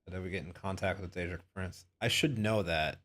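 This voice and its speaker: A man's voice: low voice, a little fast, a bit bright. A man streaming a game, casually thinking aloud and rambling as he plays. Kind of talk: casual live-stream gameplay commentary.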